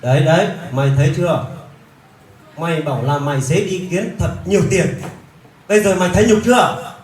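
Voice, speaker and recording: A man's voice: a little high, a little fast, natural voice. A man playing a hot-tempered village husband, echoey and distant. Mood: mocking. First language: Hmong. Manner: blunt, scolding, repeats himself. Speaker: villager in a community skit. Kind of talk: amateur skit acting. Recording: roomy, from a distant mic.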